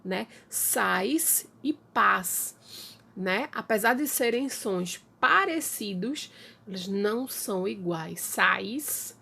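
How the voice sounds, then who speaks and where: A woman teacher with a Brazilian Portuguese accent, explaining a lesson slowly and haltingly with many fillers, at home. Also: a little high, vocal fry. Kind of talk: recorded online class.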